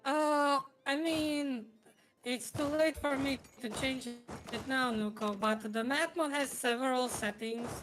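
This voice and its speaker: High robotic-tinged woman streamer over music. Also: slow, low-quality recording. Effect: voice changer, slightly robotic. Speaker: streamer, host. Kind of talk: casual gaming stream chat.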